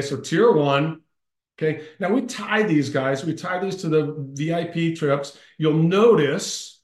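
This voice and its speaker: A man's voice: on the high side, echoey room. A man hosting a company video call, enthusiastic and chatty, joking with many fillers, speaking into a computer mic. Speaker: host of a company team call. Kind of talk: upbeat live video call presentation.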